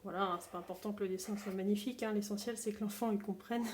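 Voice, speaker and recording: A woman teacher calmly explaining a sound-sorting game step by step for young children's parents. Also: medium pitch, quick pace, slight background noise. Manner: calm, simple step-by-step explaining. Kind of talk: classroom game explanation video.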